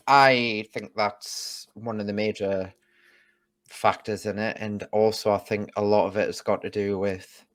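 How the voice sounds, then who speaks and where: Lower-voiced man explaining at length. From United Kingdom. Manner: explanatory, thinks aloud with restarts. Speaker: guest. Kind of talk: casual conversation.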